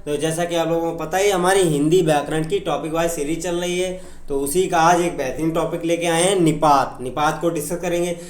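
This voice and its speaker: A man's voice: fairly high pitch, fairly even intonation, brisk. Guy teaching grammar for exam prep, loops back over each point, roomy echo on it. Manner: explains with examples, keeps checking in with "ठीक है"; repeats and rephrases points.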